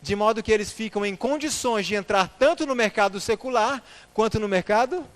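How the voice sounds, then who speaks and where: High-voiced man preaching. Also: fairly quick, a bit bright. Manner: asks the audience rhetorical questions, calls them brothers. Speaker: church speaker. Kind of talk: church lecture on music.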